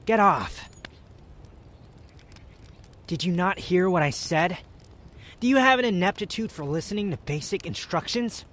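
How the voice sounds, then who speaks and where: A man's voice: sits high, animated, measured pace, long pauses, a bit bright. Man voicing Scaramouche, a haughty, prickly young wanderer. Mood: irritated, threatening. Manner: haughty, dry, formal wording with reluctant tenderness. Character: aloof, prickly young wanderer softening into affection. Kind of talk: romantic roleplay ASMR.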